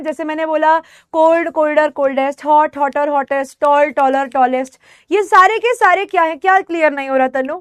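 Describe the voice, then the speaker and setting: A woman English teacher running a live online class, explaining patiently, calling her students "beta", and slowing down to stress example words. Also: extremely high pitch, dry recording, clean studio sound.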